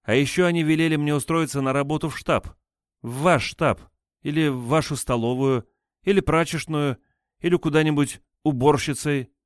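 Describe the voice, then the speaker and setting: A man's voice: on the high side, normal speed, no echo, studio quality, voice pushed up, close to an everyday voice. A man voicing a frightened young woman under interrogation, speaking in a hesitant, flustered, pleading way.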